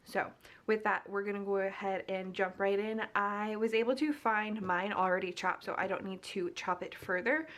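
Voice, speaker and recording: A woman's voice: mid-range voice, moderate pace, fairly bright tone. A young woman with the hiccups hosting a casual cooking vlog, chatty, giggly and self-deprecating as she works. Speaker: cooking vlogger.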